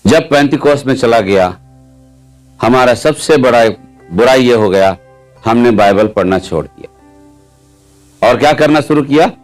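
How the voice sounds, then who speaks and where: A man's voice: mid-range voice, a little slow, pauses often, faint music behind. A male preacher telling his testimony in a sermon, keeping the audience involved with frequent questions. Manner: lively storytelling, quizzing the audience with questions.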